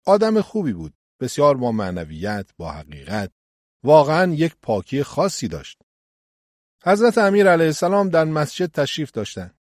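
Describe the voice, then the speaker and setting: A man gives a religious lecture in a measured teaching tone. His pitch rises and falls freely, and he slows down whenever he recites scripture. The sound is dry and close, with no room echo. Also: sing-song, darkish tone. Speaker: cleric.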